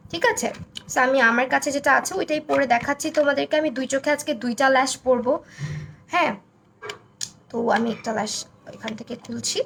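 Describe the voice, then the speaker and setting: A young woman from Bangladesh hosts a live makeup stream in a high, hoarse, gravelly voice. She talks casually and reads viewer comments aloud. A faint hiss sits behind her. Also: fairly bright tone. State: hoarse, voice broken.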